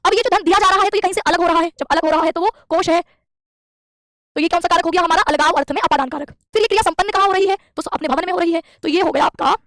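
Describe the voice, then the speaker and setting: Fast high-voiced woman teaching grammar. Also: fairly bright tone, no room sound, studio quality. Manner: explains step by step, asks and answers own questions. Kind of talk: exam-prep lecture. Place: classroom with a board.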